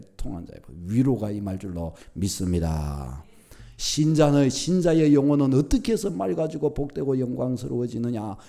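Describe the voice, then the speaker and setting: A middle-aged man preaching a sermon as pastor, emphatic, repeating key phrases and building up to near-shouts. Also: mid-range voice, vocal fry.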